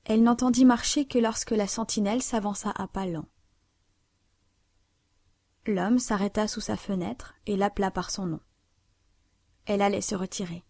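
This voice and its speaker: A woman narrating a classic novel aloud in a measured, even reading style. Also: medium pitch, no room sound. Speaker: audiobook narrator.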